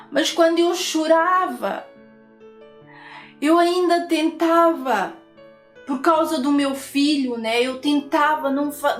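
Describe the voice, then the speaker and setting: Woman, European Portuguese accent, high-pitched, repeats herself earnestly in a testimony; roomy sound with quiet music bed. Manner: earnest, repetitive storytelling with tag questions. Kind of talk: personal faith testimony.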